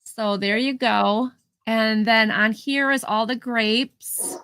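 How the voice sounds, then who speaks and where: A woman's voice: a little high, fairly even intonation, takes it slowly, a bit bright, smooth, no echo. A woman hosting a casual live vintage sale, chatting as she describes each item in detail and counts down the sales. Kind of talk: casual live-stream selling.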